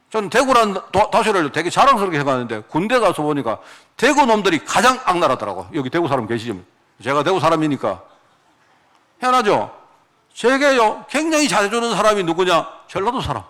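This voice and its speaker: A middle-aged pastor from Daegu, South Korea, preaches a sermon in a Gyeongsang accent, his voice high and his pace quick. He is animated and emphatic, putting rhetorical questions to the congregation.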